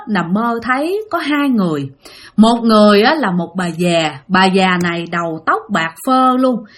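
A woman telling a ghost story in a chatty way, full of fillers. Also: a little high. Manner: chatty, lively, many fillers. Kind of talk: spoken ghost story narration.

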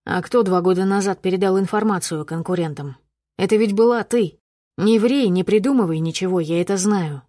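A woman's voice: on the low side, a little fast, few pauses, a little mellow, no echo, studio quality, natural voice. A woman reading the part of a stern, suspicious man who questions her coldly in clipped lines. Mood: angry. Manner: cold, accusing, clipped questions. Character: stern, suspicious adult man driving a car. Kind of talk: audiobook character reading.

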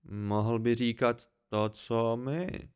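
A man's voice: mid-range voice, animated, smooth, lightly acted. A man reading the lines of a blunt, practical woman mercenary in an audiobook, doubtful and questioning.

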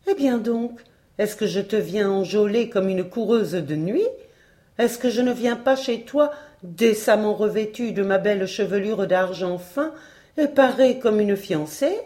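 A woman's voice: medium pitch, measured pace, dark tone, close to an everyday voice. A woman voicing a demanding old witch spirit in a storybook reading, insistent and coaxing.

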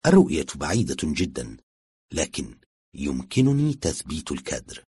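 A man reading a story aloud in an expressive storytelling manner, narrating a woman's first-person confession. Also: a bass voice, normal speed, husky, no room sound. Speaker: audiobook reader.

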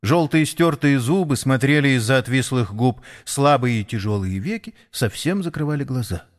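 Expressive male storyteller. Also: medium pitch, normal speed. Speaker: narrator. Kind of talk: audiobook story reading.

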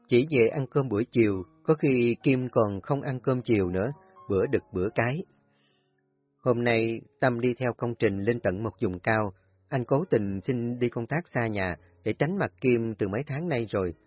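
A male storyteller reads a scripted story in a steady, even manner, his voice husky and close to the mic. The recording is dull and lo-fi, with faint music playing underneath. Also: medium pitch, no echo.

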